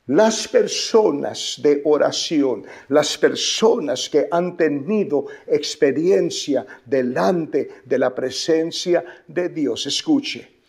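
A male pastor preaching a sermon, calling out "listen" and "beloved brethren", surging to loud peaks and sinking to near-whispers. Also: on the high side, vocal fry. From United States. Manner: preaching with swells to loud emotional peaks and dropping to hushed; repeats "escuche" and "amados hermanos" to the congregation.

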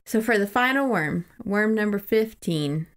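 Animated and unhurried, with a medium-pitched voice, an American woman co-hosts a podcast of casual chat and a book recap. She is irreverent and unfiltered and swears freely.

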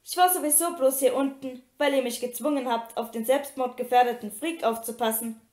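A woman voicing a mean, shrieking teenage stepsister with a loud, scornful manner. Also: high voice, fairly quick, natural voice. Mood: yelling back. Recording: roomy echo.

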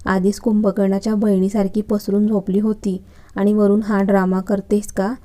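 A woman's voice: mid-range voice, flat delivery, normal speed, mellow, close to an everyday voice. A woman reading as a short-tempered young lecturer. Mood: irritated. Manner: irritable, scolding.

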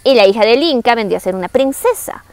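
A young Peruvian woman with a bright, high voice retells a classic book in a chatty vlog. She sounds animated and speaks straight to her viewers. Her voice is close and dry, with no room sound. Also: fast talker, clear, resonant tone, dry recording. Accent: Peruvian Spanish. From Cusco, Peru. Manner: chatty, animated, direct address. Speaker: book summary vlogger. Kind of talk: casual story retelling.

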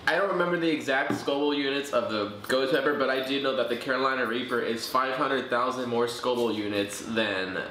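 A man's voice: mid-range voice, fairly quick, few pauses. A man in his twenties reacting and chatting casually to a camera. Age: 20s. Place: indoor living room, on a couch. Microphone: camera a few feet away. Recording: very echoey living room, loud background noise.

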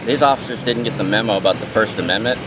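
A man's voice: on the low side, quick pace. A man giving sardonic, challenging running commentary as he films police outdoors on a handheld camera. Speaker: citizen filming police. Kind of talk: running commentary while filming. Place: outdoors at night on a city street. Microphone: handheld camera microphone. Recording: noisy outdoor street with traffic.

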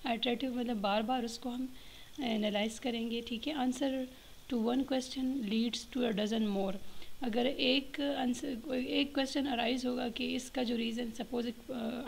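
A woman delivers a slide lecture, reading out points and then explaining them loosely with frequent fillers. Her voice sits a little high and carries a gravelly fry. Faint hiss runs under the recording. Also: little pitch movement, poor audio. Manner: explains in Hindi-Urdu mixed with English terms, many fillers; reads slide lines slowly, then explains. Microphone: voice-over on slides.

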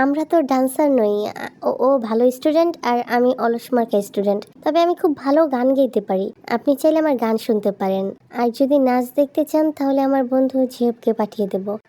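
A woman's voice: high voice, normal speed, dark tone, lightly acted. A woman voicing a nervous young bachelor man who stammers and stalls in a storybook dub.

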